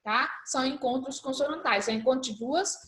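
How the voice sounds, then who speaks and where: A high-pitched woman teaching young pupils, patiently spelling out letter pairs one at a time. She talks in a roomy, echoing space at school. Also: fairly quick, fairly bright tone. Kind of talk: recorded class review lesson.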